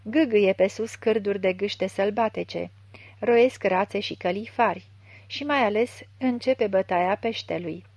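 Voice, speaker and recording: A woman narrating a literary audiobook with a measured, expressive reading. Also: medium pitch, no room sound. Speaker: audiobook reader.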